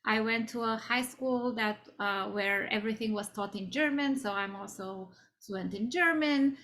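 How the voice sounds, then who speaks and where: Bright woman in her forties. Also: a little high, normal speed. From Romania. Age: 40s. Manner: conversational, many fillers and restarts. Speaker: guest speaker. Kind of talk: career interview.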